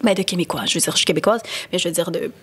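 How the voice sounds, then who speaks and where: A woman's voice: on the low side, rapid-fire, slightly rough. A woman with a Quebec French accent, co-hosting a casual podcast chat, telling stories with voiced quotes, laughs and English words. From Canada. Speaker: podcast co-host.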